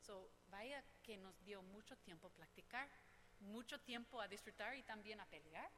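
A woman's voice: mid-range voice, lively intonation, moderate pace, sharp tone, in a large hall, slight background noise. A woman preaching to women, telling personal stories with humor and acting out what people said. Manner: personal, humorous storytelling with quoted voices. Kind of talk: sermon.

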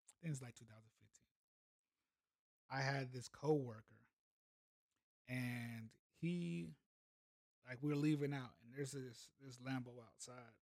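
A man's voice: medium pitch, measured pace, pauses often, darkish tone, no room sound. Laid-back slangy man telling a story. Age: 30s. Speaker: podcast host. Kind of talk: casual motivational storytelling.

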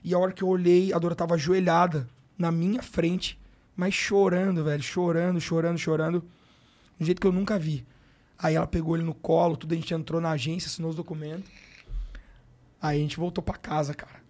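Slightly fast and level in tone, a sports coach on a podcast tells a personal story in a somewhat high, darkish voice. He has a Brazilian Portuguese accent and keeps things casual and emotional, with lots of slang and fillers like "cara" and "brother."

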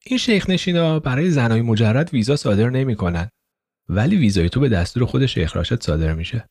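A man's voice: mid-range voice, expressive, a little mellow, breathy edge. A man voicing a sly, middle-aged intelligence officer who answers in a guarded, evasive way.

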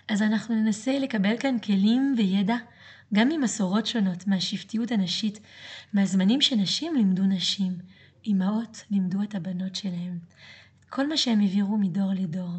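A woman from France with a French accent and a slightly hoarse voice, speaking earnestly in a reflective, intimate podcast monologue as the host. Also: mid-range voice, a little mellow.

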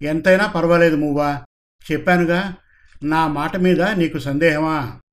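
A man's voice: fairly high pitch, steady tone, a little slow, natural voice. A man voicing an arrogant rich boss. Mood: bossy. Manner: commanding, bossy.

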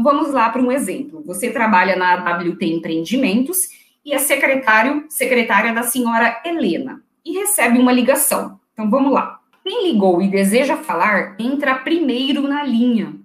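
A woman trainer who talks loudly and teaches office phone manners, acting out short phone exchanges as she goes. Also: fairly high pitch, echoey room. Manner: loud, didactic, acts out phone dialogue. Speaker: secretarial trainer. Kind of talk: instructional interview answers.

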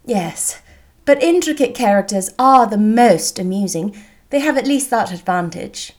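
Woman reading a witty, lively young woman. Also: mid-range voice, unhurried, lightly acted. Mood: playful. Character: witty, self-assured young woman, quick and teasing.

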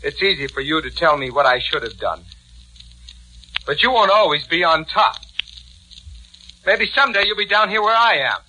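A man's voice: on the high side, animated, normal speed, long pauses, pushed and bright, slight background noise, low-quality recording. An actor playing a bitter, desperate young man condemned for murder, in 1940s radio acting. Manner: pleading, then vengeful and bitter. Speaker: prisoner.

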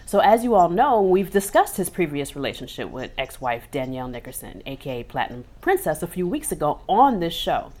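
This podcast co-host has a low, somewhat mellow voice with a sing-song lilt, and she talks fairly quickly with few pauses. Her stories come out chatty and conversational, peppered with emphatic asides.

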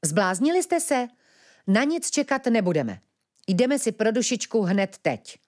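A woman's voice: on the high side, very animated, a little mellow, pitched above the performer's own voice. A woman playing an eager young animal brother. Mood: impatient. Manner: eager, impulsive. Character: young brave male animal, impatient and bold.

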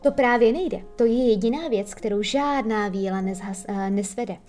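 A woman's voice: mid-range voice, a little mellow, soft background music, close to an everyday voice. A woman voicing Peter Pan, a boastful, moody boy who talks in a proud, matter-of-fact way.

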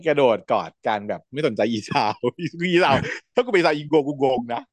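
A man's voice: on the high side, expressive, moderate pace, dry recording. A man hosting a casual chat, recapping a story with energy and acting out the characters' lines. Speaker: podcast host recapping a series.

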